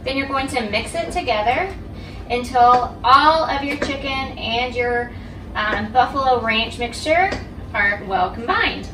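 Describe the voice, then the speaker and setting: A woman's voice: on the high side, expressive, measured pace, a bit bright, distant mic. Woman teaching cooking in an echoey kitchen. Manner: clear, instructive, addresses viewer directly. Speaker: cooking instructor. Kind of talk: step-by-step cooking demonstration. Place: home kitchen, indoors. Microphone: camera across the kitchen. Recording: echoey kitchen, voice from off-mic, household noise.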